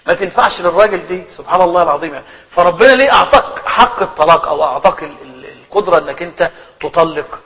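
Animated high-voiced Egyptian imam. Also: male voice. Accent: Egyptian Arabic. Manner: animated, asks rhetorical questions and answers them; humorous, laughs while telling anecdotes. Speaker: imam teaching a religious book. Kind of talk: religious lesson. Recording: muffled recording in a reverberant hall.

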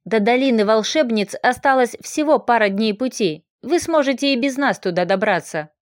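A woman reading the part of a decisive male caravan commander, speaking firmly and measured. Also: fairly high pitch, expressive, dry recording, studio quality, natural voice. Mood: resolute. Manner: firm, measured.

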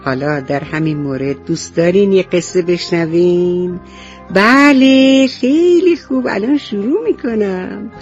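A woman telling a bedtime story for children on the radio, speaking gently and directly to the kids. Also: medium pitch, highs cut off, faint music behind.

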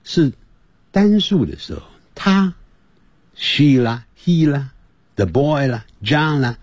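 A man teaching English on a radio lesson, explaining patiently and repeating words slowly for pronunciation. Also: medium pitch, sing-song, darkish tone, slightly rough, no room sound, highs cut off.

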